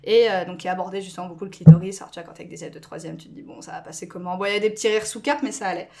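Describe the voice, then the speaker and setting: A woman in her twenties from France, a podcast guest who talks in a lively way with many fillers and gestures a lot. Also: fairly low pitch, rapid-fire, gravelly. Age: 20s. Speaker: guest, school staff member. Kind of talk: casual podcast interview.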